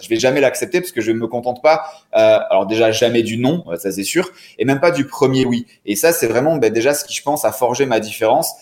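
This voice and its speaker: A man's voice: medium pitch, darkish tone. Chatty man in an echoey room. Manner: rambling, chatty, many restarts. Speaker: podcast guest. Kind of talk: casual chat. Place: apartment room.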